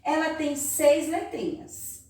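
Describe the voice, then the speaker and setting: A Brazilian woman teaching young children in a slow, sing-song voice, recorded in an echoey room from some distance. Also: high voice, fairly even intonation, warm tone. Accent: Brazilian Portuguese. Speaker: primary school teacher. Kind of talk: recorded remote class lesson.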